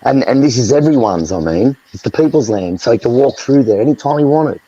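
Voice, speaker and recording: A man's voice: mid-range voice, expressive, a little fast, dark tone, husky, muffled recording. An Australian man in a heated live chat, ranting angrily with lots of swearing. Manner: angry, profane, ranting.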